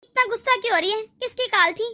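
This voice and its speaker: Woman voicing an older mother-in-law, cartoon drama, soothing, pleading, high-pitched. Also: fast, sharp tone. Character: sickly, kindly older mother-in-law, always defending her daughter-in-law. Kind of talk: animated family drama voicing.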